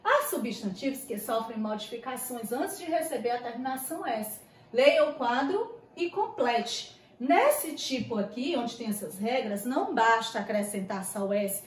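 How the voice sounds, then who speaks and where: A woman's voice: sits high, reverberant, far from the mic, low-quality recording. A woman teaching grammar to sixth graders in a patient, step-by-step way, asking the class questions. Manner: voices imagined student questions. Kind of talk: classroom video lesson.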